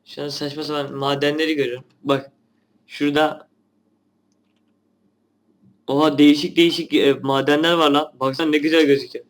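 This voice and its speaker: A man's voice: a little high, little pitch movement, brisk, long pauses. A young man, a gaming channel host giving casual gameplay commentary, chatty and grumbling at the game.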